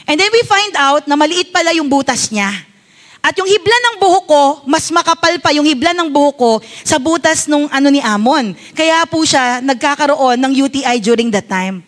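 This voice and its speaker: Woman, Filipino accent, pastor, high voice, sermon, polite address to congregation. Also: animated, normal speed, fairly bright tone. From Philippines. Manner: tells a personal story as a mother.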